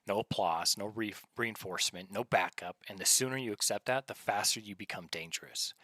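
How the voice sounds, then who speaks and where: A man's voice: lowish voice, bright, forceful tone, no echo. A man delivering a scripted, military-style motivational speech in blunt, commanding, short punchy phrases. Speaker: motivational speaker.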